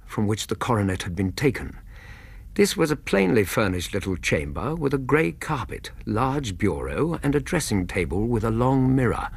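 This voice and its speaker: A loyal, courteous gentleman doctor tells the story in a radio play. His English voice is husky and varies expressively, recorded very dry. The delivery is measured and literary. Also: medium pitch, no echo, exaggerated voice. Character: courteous, loyal male Victorian doctor and narrator. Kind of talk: radio drama narration.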